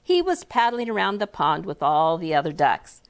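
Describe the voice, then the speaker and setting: Woman author, storybook read-aloud, classroom, expressive, animated swooping pitch. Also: moderate pace. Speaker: children's book author. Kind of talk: reading a picture book aloud to children. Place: elementary school classroom.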